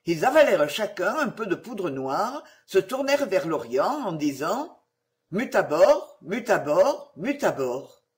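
A storybook narrator reading a fairy tale aloud. The reading is expressive, and the pitch moves a lot, with a middle-pitched voice. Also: moderate pace, hardly any pauses.

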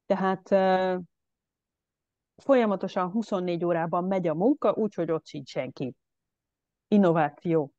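A woman giving a casual online lecture, chatty and animated, with many fillers. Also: fairly low pitch, no echo. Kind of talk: online presentation. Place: at home. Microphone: video call. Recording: dull lo-fi video call audio.

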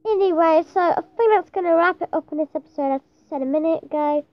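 A woman's voice: extremely high pitch, quick pace. A woman hosting casual gameplay commentary, hesitant and rambling as she wonders what to say next. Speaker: gameplay channel host. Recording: dull lo-fi dry sound.

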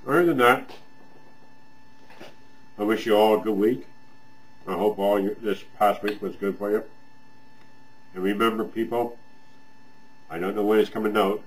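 A man with a lowish voice talks around a pipe in his mouth, giving a friendly weekly review of other people's videos. He rambles and repeats himself in this casual vlog, and the audio quality is poor.

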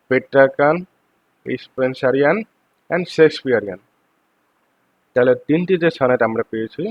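A man with a Bangladeshi accent giving a lecture, reading English phrases slowly and then explaining them more quickly. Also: mid-range voice, no echo. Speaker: teacher. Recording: dull lo-fi dry recording.

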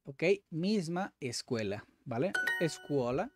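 A man's voice: on the high side, big pitch swings, takes it slowly, music in the background. A man who hosts a language-learning video, thinking aloud and correcting himself as he works through exercises. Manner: thinking aloud, self-correcting, frequent "vale?" and "ok". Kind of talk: casual commentary while doing language exercises.

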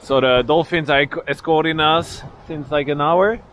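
A man's voice: on the high side, moderate pace, slight background noise. A man in his thirties with a French accent, talking casually to the camera while sailing at sea. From France. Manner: calm to camera, shouting instructions on deck. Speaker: sailing vlogger. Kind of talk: casual vlog narration and crew calls. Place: open deck of a racing sailboat at sea.

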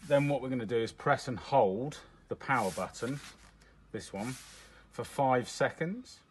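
A mid-range voice, a little slow, belongs to a product demonstrator explaining a device's controls one by one as he presses them. The walkthrough is plain and matter-of-fact, done indoors at a table with a demo unit amid noticeable background noise.

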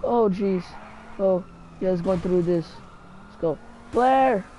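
Slow-talking gamer chatting over gameplay. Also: medium pitch, steady tone, mellow, slight background noise. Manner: chatty, talks back to game characters. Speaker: gamer narrating own play. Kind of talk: casual gameplay commentary.

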